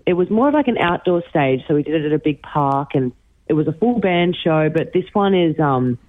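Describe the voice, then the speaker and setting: A young Australian woman from Brisbane, a musician, talking excitedly in a radio interview, often restarting and giggling. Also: low voice, fairly quick. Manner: bubbly, giggly, many restarts. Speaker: musician guest. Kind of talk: phone interview on breakfast radio. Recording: tinny phone line.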